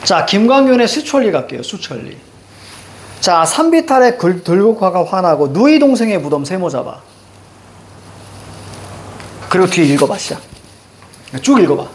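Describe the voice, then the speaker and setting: A man with a high-pitched voice teaching an online class. He speaks with lively energy and keeps checking in with quick, repeated questions to his students. Faint background noise sits under the recording. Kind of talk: online lecture.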